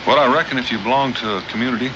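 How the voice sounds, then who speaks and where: An actor playing a steady, principled frontiersman in a 1960s TV western, with a plain-spoken, folksy cowboy manner. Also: mid-range voice, racing, close to an everyday voice. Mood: earnest. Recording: muffled, noisy old TV soundtrack.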